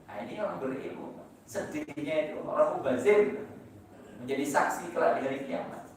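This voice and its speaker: A man's voice: on the high side, normal speed, a little hiss or hum. A man preaching in a mosque, chanting Arabic phrases and explaining them with rhetorical questions. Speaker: religious teacher. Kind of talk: mosque sermon. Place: mosque hall. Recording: echoey mosque hall from far off.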